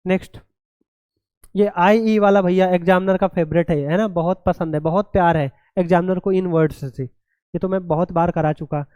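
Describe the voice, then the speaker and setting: A man's voice: sits high, steady tone, moderate pace, a little mellow, smooth, no echo. A male teacher giving an exam-prep grammar lesson, often calling his students "children" and spelling words letter by letter.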